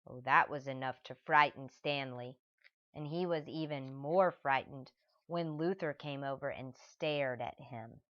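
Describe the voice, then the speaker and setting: A woman narrating a children's storybook in a slow, deliberate manner. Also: very deep voice, fairly bright tone. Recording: dull lo-fi recording.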